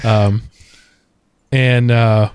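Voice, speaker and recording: A man's voice: medium pitch, level tone, extremely slow, a little mellow, smooth, dry recording, studio quality. A man hosting a podcast in casual chat, rambling through asides with wry, self-deprecating humor. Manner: rambling, full of asides and restarts. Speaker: podcast host.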